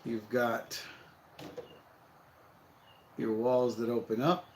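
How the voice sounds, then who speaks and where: A man hosting a building-set livestream, chatting casually and thinking aloud in a relaxed, self-deprecating way. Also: mid-range voice, drawn-out words, roomy sound, a little hiss or hum, rough recording.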